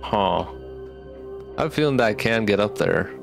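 Young man, low voice, talking through retainers, slightly sick, casual gaming commentary, game music behind. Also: animated, normal speed, creaky. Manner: talking with retainers in his mouth, slightly off articulation. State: getting over a sickness with a cough. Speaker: gaming streamer. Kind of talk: casual let's play commentary.

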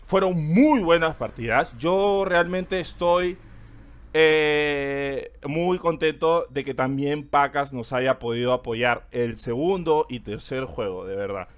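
Loud excitable man streaming. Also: on the high side. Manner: loud, excitable, swears often. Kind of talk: casual stream chat.

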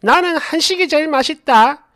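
A woman's voice: sits high, lively intonation, normal speed, a bit bright, voice pushed up. A woman voicing an older mother-in-law who coaxes and insists in a fussing way. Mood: coaxing.

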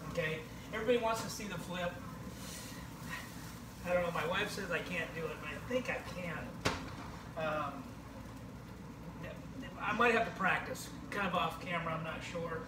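A man's voice: fairly high pitch, normal speed, pauses often. A man in his forties hosting a home cooking show, joking and rambling as he cooks, saying "okay" again and again. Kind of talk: casual cooking demonstration. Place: home kitchen, indoors. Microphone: camera across the room. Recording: echoey kitchen, distant camera mic, noisy.

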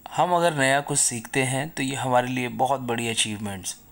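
A man's voice: medium pitch, moderate pace, a bit bright. A man with an Indian English accent teaching a recorded online lesson to children, explaining each point patiently in Hindi and English.

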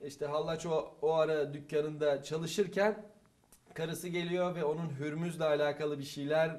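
A young theatre club instructor from eastern Turkey tells stories with lots of energy in a casual interview, acting out the dialogue and shifting his volume as he quotes people. His voice is fairly high, and he speaks at a normal speed.

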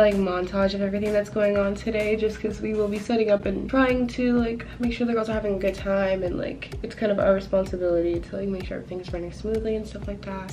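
A young American woman talks casually to the camera like a vlogger getting ready. Her manner is bubbly and girly, very much the chatty sorority girl, at a middling pitch. Music plays clearly behind her voice. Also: darkish tone. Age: young adult. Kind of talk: casual get-ready-with-me vlog chat. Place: small bedroom, later inside a car.

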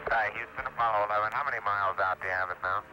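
A man, an astronaut, giving terse, calm acknowledgements over a crackly space radio transmission. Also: lowish voice, very fast, soft background music. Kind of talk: clipped radio procedure talk. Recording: distant archival radio link.

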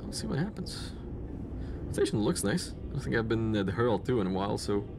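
Streaming a game from his home room in front of a gaming chair, a young Slavic-accented man from the Czech Republic or Slovakia gives casual commentary, full of fillers and restarts. His lowish voice is very animated, a little fast and fried, with background noise and faint game music.

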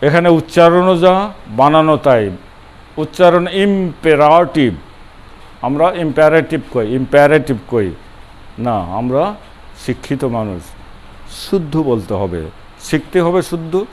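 A man's voice: medium pitch, lively intonation, a little slow, long pauses. An older man, a former college principal, giving a grammar lecture to students, stressing words, repeating them and sounding them out syllable by syllable. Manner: emphatic, repeats key words, breaks words into syllables; asks students questions and answers them himself. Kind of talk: classroom lecture.

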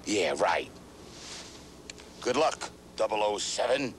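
An actor playing a curt, scheming police officer in a film comedy. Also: male voice, lowish voice, very animated, takes it slowly, a little hiss or hum. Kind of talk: 1980s film comedy acting.

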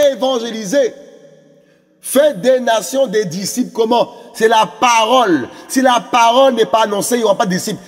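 A male preacher exhorts his listeners with a high, slightly husky voice, circling back on phrases and filler words. His sermon rings with a long reverb, as if in a large hall, and soft music plays underneath. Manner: fervent, repetitive exhortation with many fillers. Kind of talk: evangelistic sermon.

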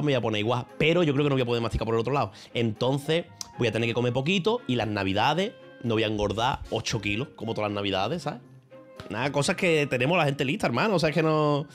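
A man with a Spain Spanish accent rambles casually to his livestream audience. He jokes and speaks sarcastically, swearing often, in an ordinary mid-pitched voice. Faint music plays behind him. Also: fairly bright tone. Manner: joking, sarcastic, heavy swearing. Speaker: streamer.

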